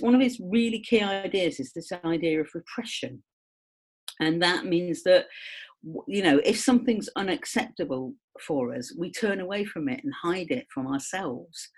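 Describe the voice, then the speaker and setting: A woman's voice: lowish voice, slightly rough. A woman explaining ideas in a casual, rambling chat, full of fillers and self-mocking asides. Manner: rambling, full of "kind of" and "you know"; chatty, self-mocking, lively.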